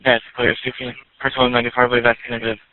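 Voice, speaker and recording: A man's voice: medium pitch, completely flat delivery, very fast. A man working as a police dispatcher, reading back calls in clipped radio phrases over a police radio channel. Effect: police radio transmission. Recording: narrowband police radio with faint static.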